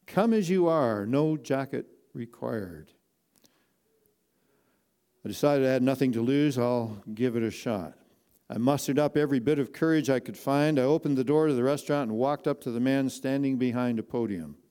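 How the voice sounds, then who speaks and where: A man narrating a first-person inspirational story slowly and earnestly, with dramatic pauses. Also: mid-range voice, fairly even intonation, dark tone, clean tone.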